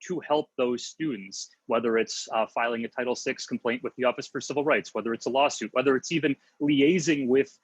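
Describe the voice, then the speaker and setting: A man's voice: medium pitch, a little fast, hardly any pauses, husky, no room sound. A man speaking as a lawyer on a panel discussion, earnest and advocating, over a video call. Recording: dull, dry lo-fi audio.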